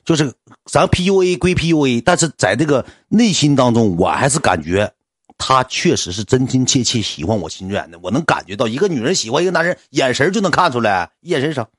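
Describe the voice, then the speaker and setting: A man's voice: mid-range voice, expressive, brisk, a bit bright, dry recording, studio quality. A man in his thirties with a Northeastern Chinese accent, rambling through a comic personal story and calling listeners brothers. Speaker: storyteller, livestream host.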